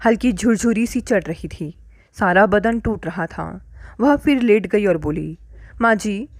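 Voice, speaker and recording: A woman narrating a family story in a steady, even scripted reading. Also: medium pitch, measured pace, dry recording.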